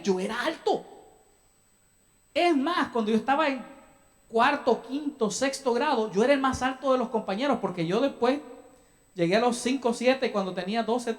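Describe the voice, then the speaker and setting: A young man from El Salvador preaching a sermon as a pastor in a church, talking to the congregation with questions and acted-out asides. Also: very high voice. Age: young adult. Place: church sanctuary.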